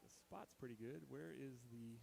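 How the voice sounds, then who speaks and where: A man calling a local high school football game play by play, chatty and joking at his own expense, his voice jumping up on big plays. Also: moderate pace, creaky, darkish tone, slight background noise. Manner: jokey, chatty, laughs at himself, rises sharply on big plays. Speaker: play-by-play announcer.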